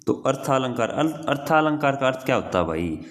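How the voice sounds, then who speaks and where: There's slight background noise as a young man, very animated and brisk, gives a laid-back grammar lesson for exam prep. His voice is mid-range, and he keeps repeating important phrases and calling the listener brother.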